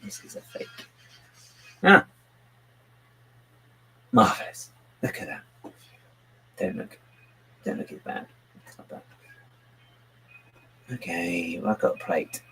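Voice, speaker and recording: A man's voice: deep voice, sing-song, slow, gravelly, pauses often, bright, forceful tone, slightly rough, rough recording. A man rambling casually to his livestream chat while he builds, self-mocking and chuckling often. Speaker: livestream host building with bricks.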